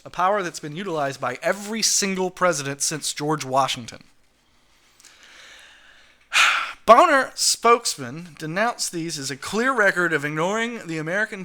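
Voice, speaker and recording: A man with a high, very bright and cutting voice runs a political talk show. He reads news items aloud, then breaks off into sarcastic, indignant rants laced with swearing. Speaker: podcast host. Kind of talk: ranting political commentary.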